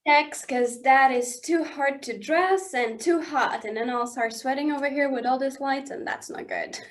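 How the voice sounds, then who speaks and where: Guesting on a casual chat in a brightly lit indoor studio, a woman from southern Germany whose first language is Swiss German speaks English in a fairly high voice. She's halting, often searching for words, and laughs a lot.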